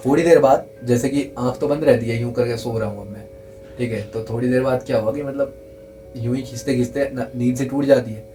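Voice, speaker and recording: Young guy w telling a spooky true story, low hushed bits, warm voice. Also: a little fast, faint music behind, rough recording. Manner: earnest, repeats for emphasis, drops to a hush at tense moments. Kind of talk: casual storytelling.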